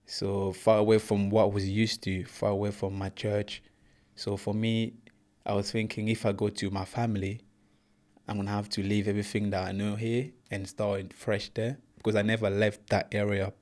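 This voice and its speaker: A man's voice: on the low side, little pitch movement, normal speed, a little mellow. A young man from Congo, not a native English speaker, telling his life story earnestly as a guest in a casual interview. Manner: earnest, plain storytelling, says "bro" often. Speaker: guest, professional boxer.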